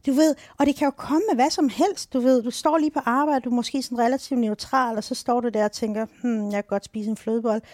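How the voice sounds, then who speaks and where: A woman co-hosting a podcast, explaining mood psychology in a lively, talkative way, often ending with tag questions. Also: sits high, few pauses, no echo, clean studio sound. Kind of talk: casual explanatory chat.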